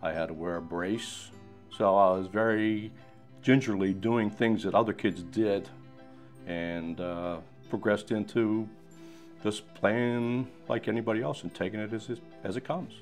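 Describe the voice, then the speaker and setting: Relaxed low-voiced man in his sixties. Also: measured pace, soft background music. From Pennsylvania. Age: 60s. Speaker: interviewee. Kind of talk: documentary interview storytelling.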